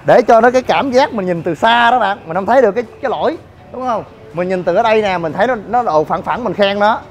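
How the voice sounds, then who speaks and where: A gym owner and vlogger rants to viewers in a walk-through, inspecting shoddy building work with scolding exasperation. His voice is high and fast, with lively intonation.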